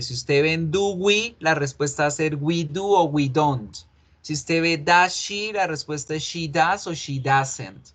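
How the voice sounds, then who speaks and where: A man teaching an English class, patiently explaining and repeating example answers slowly. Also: a little high. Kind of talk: online class lecture.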